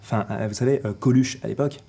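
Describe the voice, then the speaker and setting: A man in a comic mock interview, talking in an earnest, rambling way as a real-estate agent character. His voice sits at an ordinary middle pitch. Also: fairly even intonation, quick pace, gravelly, warm tone, breathy edge. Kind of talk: mock interview comedy sketch.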